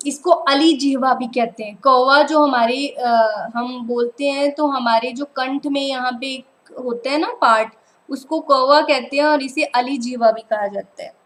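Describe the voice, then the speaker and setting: High-voiced woman teaching over slides. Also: steady tone, a little slow, poor audio. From Punjab, India. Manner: patient, keeps repeating "ठीक है" to check understanding. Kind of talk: online lecture over slides.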